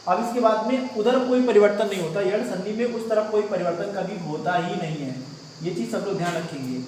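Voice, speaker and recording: A male Hindi teacher with a high, brisk, somewhat dark voice quizzes his class through a grammar lesson, posing questions and repeating their answers. The room echoes, the mic sits far away, and a faint ambient hum runs underneath.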